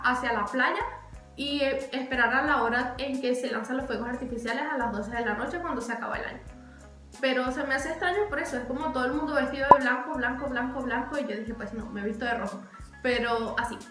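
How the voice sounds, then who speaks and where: A woman's voice: sits high, a bit bright. A young woman chatting animatedly as a vlogger, repeating words for emphasis. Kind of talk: casual chatty explainer. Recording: echoey room.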